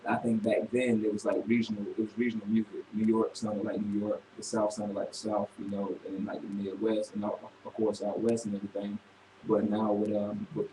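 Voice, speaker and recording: Guest rapper from Florida, twenties, flat low voice, off-mic in an echoey room with hiss. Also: male voice. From Florida, USA. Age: 20s. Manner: easygoing, halting. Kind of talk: interview answers. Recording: echoey room from far off, clear noise.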